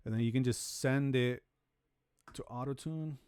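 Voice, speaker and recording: A deep-voiced man hosts a casual, screen-recorded music production tutorial from his home studio, talking through his steps in a relaxed, rambling way full of fillers and restarts. He speaks at a measured pace into a studio vocal microphone, and the recording is smooth and dry, with auto-tune pitch correction on some lines.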